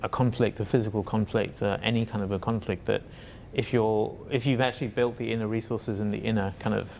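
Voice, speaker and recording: A man's voice: on the low side, steady tone, brisk, vocal fry, darkish tone, slight background noise. A man talking as an interview guest about his work as a facilitator, in a reflective and hesitant way with many fillers and restarts. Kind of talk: reflective conversational answer.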